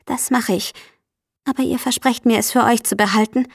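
A woman's voice: a little high, steady tone, normal speed, vocal fry, breathy edge, dry recording, clean studio sound, pitched above the performer's own voice. A woman voicing an anxious, earnest female friend who talks urgently and stammers.

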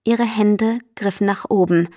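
A woman giving a steady, measured reading of a scripted storybook narration. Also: medium pitch, dry recording, studio quality. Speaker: audiobook narrator.

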